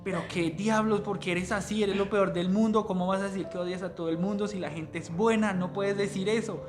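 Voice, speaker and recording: A man reading the outraged words of a son who confronts his mother, his voice pushed higher. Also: fairly even intonation, brisk, over music, lightly acted. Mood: indignant.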